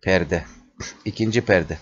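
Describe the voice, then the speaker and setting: A man slowly reading a play aloud, including the stage directions, in a measured way. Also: deep voice, a little hiss or hum. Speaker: reader. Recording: dull lo-fi recording.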